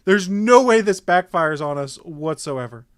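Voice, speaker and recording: A male podcast host with a somewhat high voice who ribs his co-hosts and laughs easily while keeping the show moving. He sounds dry and near the mic. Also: expressive, unhurried, smooth, no echo. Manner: teasing, laughing, steers the talk. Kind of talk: casual podcast banter.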